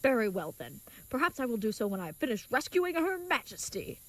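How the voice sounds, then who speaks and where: In this scripted audio comedy, a woman voices a chivalrous, naive young knight who speaks with earnest, stilted, wordy courtesy in a musing mood. Her voice is a little high, sing-song, brisk, and a bit bright, though the audio is poor.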